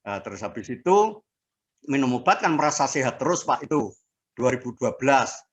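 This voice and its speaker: A man in his sixties giving a casual personal testimony as an interviewee, speaking haltingly with fillers and restarts. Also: mid-range voice, big pitch swings. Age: 60s. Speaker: interviewee sharing a health testimony.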